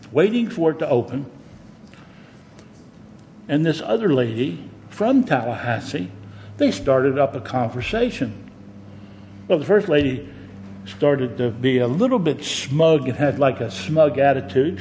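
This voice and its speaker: Man preaching, folksy humor, slightly high voice. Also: a little mellow, slight background noise. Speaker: pastor. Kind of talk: sermon.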